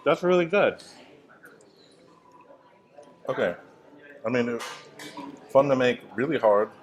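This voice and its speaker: A man's voice: medium pitch, expressive, slow, muffled recording. A man hosting a casual travel vlog, joking and laughing often as he chats. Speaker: vlog host. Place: cruise ship cooking class and bar. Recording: busy crowd chatter behind.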